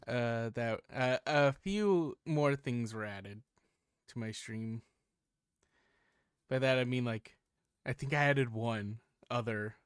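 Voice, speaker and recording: Slow-talking man counting workout reps. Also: medium pitch, clean tone. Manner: counting reps aloud, chatty and self-amused. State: catching his breath. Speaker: streamer. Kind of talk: casual live-stream chat while exercising.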